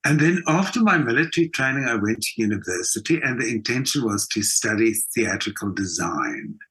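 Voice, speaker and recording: Very animated and brisk, this fairly low, fairly bright male voice belongs to an actor and theatre designer from Johannesburg, South Africa. Appearing as an interview guest on a video call from indoors in his home country, he tells personal stories conversationally, emphatically repeating words.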